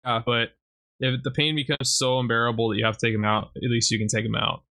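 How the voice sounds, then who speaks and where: Guy on a podcast, mid-pitch voice, blunt, swears a lot, goes off on little rants. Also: little pitch movement, quick pace, vocal fry, bright, forceful tone. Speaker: podcast co-host. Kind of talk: casual chat.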